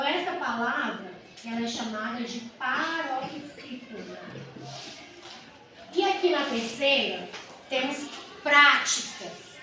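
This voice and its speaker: A woman teacher giving a grammar lesson, explaining step by step with rhetorical questions and drawing out example words slowly. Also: high voice. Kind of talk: grammar lesson for exam students. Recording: echoey room with mic far off and noise.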